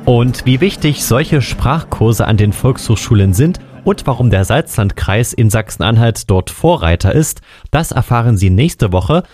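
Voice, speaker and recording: A man, presenting a local radio feature in a calm, measured announcing manner. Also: medium pitch, soft background music. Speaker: radio host.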